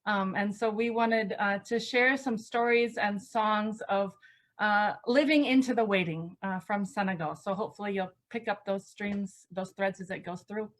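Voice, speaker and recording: A woman's voice: medium pitch, moderate pace. A woman pastor hosting an online presentation, explaining informally with many fillers over a video call. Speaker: pastor and program coordinator, host.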